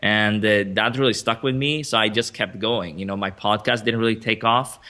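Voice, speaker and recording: A man's voice: on the low side, steady tone, moderate pace, bright, forceful tone. A man in his thirties from Sweden, a guest on a video call interview, talking casually with lots of fillers and restarts. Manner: chatty, many fillers and restarts, laughs often.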